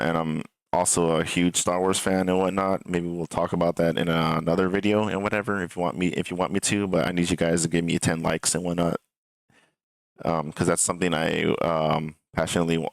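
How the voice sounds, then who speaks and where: A man's voice: sits low, creaky, dry recording. A man giving casual, rambling streamer commentary in a hesitant, repetitive way, with casual swearing. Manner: hesitant, repetitive, meandering delivery. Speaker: streamer reacting to gaming news.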